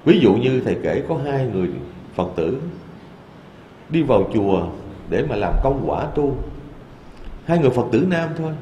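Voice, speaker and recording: A man, a Buddhist monk, giving a dharma talk in a temple hall with lively storytelling. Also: mid-range voice, normal speed, long pauses, a little hiss or hum. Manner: lively storytelling, quoting voices in asides.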